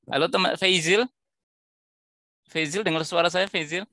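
A man's voice: a little high, fairly even intonation, moderate pace, gravelly, pushed and bright, no echo, clean studio sound. A male university lecturer teaching online over a video call, explaining and checking in with students by name. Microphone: computer mic on a video call.

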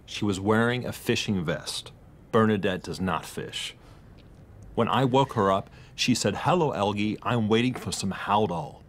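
An actor plays a middle-aged husband in a radio drama, earnestly confiding his worry. His voice is low, with faint noise in the background. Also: unhurried, lightly acted. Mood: troubled, confiding.

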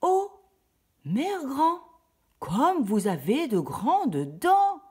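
Woman doing a high little red-hooded girl. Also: animated, a little mellow. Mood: wondering. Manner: high, wide-eyed and slow.

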